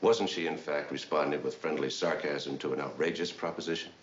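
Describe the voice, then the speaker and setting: A self-assured navy defense lawyer in a 1970s TV courtroom drama, needling a witness with dry wit. His voice sits extremely low and deep. The sound is dull and lo-fi, with a roomy echo. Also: steady tone, brisk, a little hiss or hum. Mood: coaxing. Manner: smooth, wry cross-examining. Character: confident middle-aged male navy defense commander. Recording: echoey lo-fi TV soundtrack.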